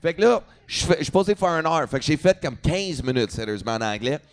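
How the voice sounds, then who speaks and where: A young man with a Quebec French accent tells a comedy story in a relaxed way. His voice sits a little high for a man, and he swears often and switches into English for lines. He is speaking on a podcast. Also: fast talker. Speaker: comedian guest. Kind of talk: casual storytelling. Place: podcast studio at a comedy festival.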